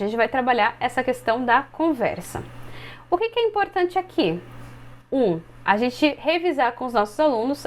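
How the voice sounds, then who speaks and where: A Brazilian woman in her twenties, an English teacher explaining step by step and modeling phrases slowly for other teachers. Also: high voice. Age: 20s.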